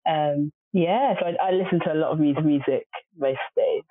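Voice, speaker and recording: This podcast guest is a woman whose first language is Obolo and whose family comes from southern Nigeria. In a casual interview, she speaks at normal speed in a low-pitched voice, hesitating often and using lots of fillers. The sound is dry, echo-free, and phone-like.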